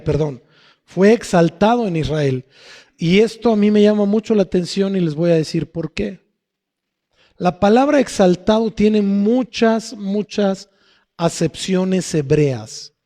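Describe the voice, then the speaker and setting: A male pastor gives a sermon at a slow, deliberate pace in a fairly high, mellow voice. He keeps posing rhetorical questions and answering them himself. His voice rings with the long reverb of a church hall.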